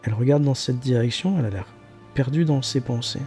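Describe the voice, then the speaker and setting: A male game master improvising narration for a tabletop story. His voice is warm and dark, at an average pitch, with faint music behind. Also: fairly quick.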